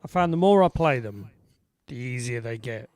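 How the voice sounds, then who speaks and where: A man hosting a casual online music chat, talking softly and haltingly with many ums and restarts, over a home video call. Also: mid-range voice, expressive, no echo. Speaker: host and singer-songwriter. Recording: loud guitar music behind.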